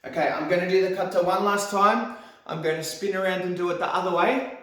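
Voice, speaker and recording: A man's voice: high-pitched, a little fast, a bit bright. A male karate instructor explaining techniques in a martial arts lesson. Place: echoey indoor room, voice some distance from the mic. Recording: very echoey hall, distant mic.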